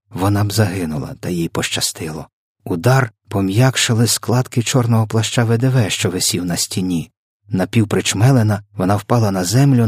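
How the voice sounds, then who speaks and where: Low-voiced man reading a storybook. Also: a little mellow, breathy edge, no echo, clean studio sound. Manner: vivid, dramatic reading. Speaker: narrator. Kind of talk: storybook narration.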